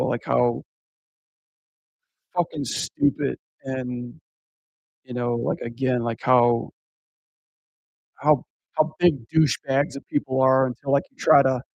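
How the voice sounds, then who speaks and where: A man's voice: medium pitch, gravelly, dry recording, highs cut off. A man talking in a loose, rambling way, swearing often and leaning on fillers like "like" and "you know.". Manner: rambling, profane, heavy use of filler words. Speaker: podcast guest recounting a haunted house job. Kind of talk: casual chat.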